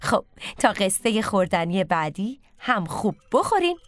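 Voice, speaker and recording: A woman's voice: mid-range voice, very animated, no echo. A woman narrating a bedtime story for children and speaking directly to them.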